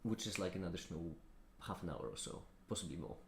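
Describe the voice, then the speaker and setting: A man's voice: sits low, very animated, fast talker. A man chatting casually as he works on his livestream, thinking aloud in a musing, self-critical way. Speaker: video creator hosting a livestream. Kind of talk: casual chat while working. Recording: echoey room with clear background noise.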